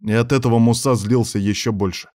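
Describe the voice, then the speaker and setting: A man reading a dramatic story aloud, steady in his narration. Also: medium pitch, fairly quick, dry recording, clean studio sound. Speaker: audiobook narrator. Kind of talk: scripted narration.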